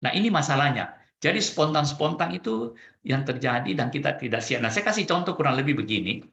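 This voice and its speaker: A man coaching over a video call, animated and acting out quoted lines. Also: mid-range voice, fairly quick, roomy sound.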